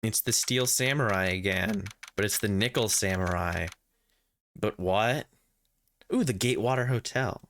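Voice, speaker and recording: A man's voice: lowish voice, unhurried, a bit bright, a little hiss or hum. A man giving casual video game commentary, musing aloud and swearing now and then. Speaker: let's player.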